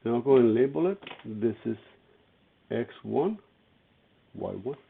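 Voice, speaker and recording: Gravelly male teacher on a tinny recording. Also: medium pitch, lively intonation, a little slow, a little hiss or hum. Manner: explains step by step, asks students questions. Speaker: math teacher. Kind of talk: recorded algebra lesson. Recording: tinny phone-like lo-fi audio.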